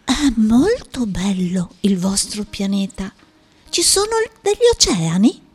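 Curious little prince, earnest questioning boy, dark husky voice, lively pitch. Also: slow pace, full character voice. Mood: wondering. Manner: wondering, questioning. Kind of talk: audiobook drama.

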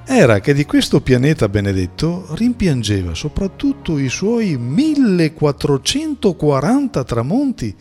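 A man narrating a storybook in a measured, storytelling manner. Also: a little high, huge pitch swings, a little mellow, faint music behind. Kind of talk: scripted audiobook narration.

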